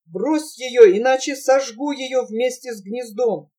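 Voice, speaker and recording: A woman's voice: takes it slowly, dark tone. Woman voicing a desperate young son, voice breaking. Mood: furious. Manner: pleading, shrill, breaking childish voice.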